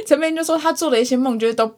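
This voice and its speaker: Podcast co-host: woman, high lively voice, quick animated storyteller. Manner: animated storytelling, acts out quoted lines, laughs often. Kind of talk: casual chat.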